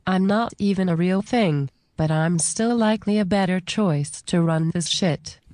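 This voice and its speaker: A woman voicing a sexy female robot announcer in a slow, sultry delivery, with a synthetic robot voice effect. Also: lowish voice, background noise. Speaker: podcast intro announcer.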